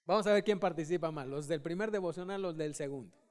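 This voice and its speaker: A man preaching a sermon, dramatic, swinging from hushed storytelling to shouts and urging the congregation to join in. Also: on the high side, fast talker.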